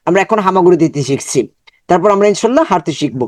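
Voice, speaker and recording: Man slowly drilling Quran recitation syllables. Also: high-pitched, animated, a little mellow, no echo. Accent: Bangladeshi Bengali. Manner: slow syllable-by-syllable drilling with explanations. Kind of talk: online Quran reading lesson.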